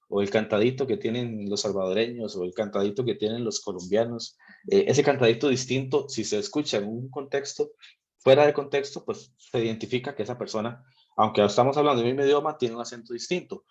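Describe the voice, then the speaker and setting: A man's voice: mid-range voice, fairly quick, darkish tone, muffled recording. A man from Rica, reading scripture aloud and patiently explaining it in a Bible study talk. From Costa Rica. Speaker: theology group speaker.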